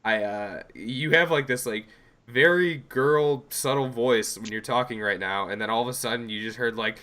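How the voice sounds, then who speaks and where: A man's voice: mid-range voice, normal speed, bright, forceful tone. A man co-hosting a gaming podcast, talking loosely and rambling through stories with laughs. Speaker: podcast co-host, competitive gamer. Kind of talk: casual chat.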